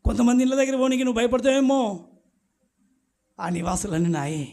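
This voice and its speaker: A man's voice: very high voice, expressive, fairly quick, warm tone. A man preaching an emphatic sermon at a church night service, urging the congregation to call back answers aloud.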